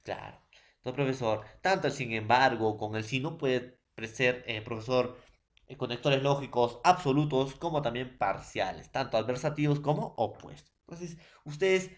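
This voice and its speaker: A male secondary school teacher with a Peruvian Spanish accent, giving an online class lecture, asking his students constant check-in questions and stressing key terms. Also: mid-range voice. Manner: repeats "profesor" and "¿ya, jóvenes?" as verbal tics; emphatic rises on key terms, drawn-out slow words.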